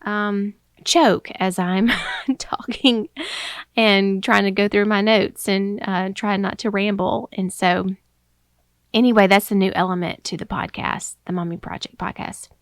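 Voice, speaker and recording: A woman's voice: medium pitch, steady tone, a little slow, dry recording, studio quality. A young woman hosting a casual solo podcast, a little out of breath, rambling with lots of ums and restarts. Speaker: podcast host.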